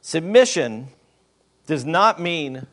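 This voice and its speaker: A man's voice: fairly high pitch, sing-song, slow pace, a bit bright. A man in his fifties, a pastor, preaching a sermon with emphatic rhetorical questions to a congregation. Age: 50s.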